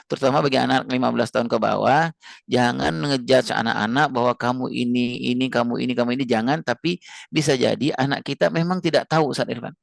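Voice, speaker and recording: Male speaker, parenting lecture, gravelly and dry close sound, earnest, repeats key phrases. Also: fairly even intonation, quick pace, no echo. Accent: Indonesian. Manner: earnest, explains with repeated phrases, rises high when stressing points.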